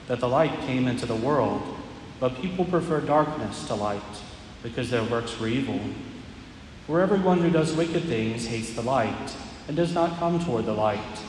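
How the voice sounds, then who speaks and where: A priest reading the Gospel and preaching at Mass in a measured, reflective way, his voice carried by a long cathedral echo in a large church. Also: medium pitch, a little hiss or hum.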